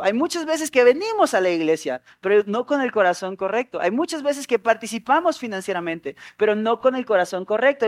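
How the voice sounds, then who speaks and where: A man's voice: very high voice, dry recording, clean studio sound. A man preaching a Sunday sermon, earnest and repeating his key points with small stammers. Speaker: pastor.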